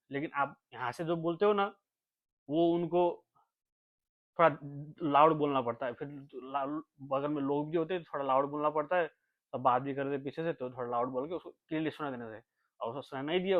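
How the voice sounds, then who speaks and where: A young man from Nepal telling a long, rambling story in a casual vlog, repeating himself and dropping his voice when he quotes others. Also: fairly high pitch. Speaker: vlogger. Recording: tinny phone-like sound.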